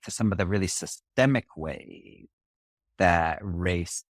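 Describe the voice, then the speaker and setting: A Singaporean man, a community organizer working for racial justice, tells his story in an interview. His voice is low and slow, and he speaks thoughtfully, often checking in with "right?" The studio recording is clean, with no room sound.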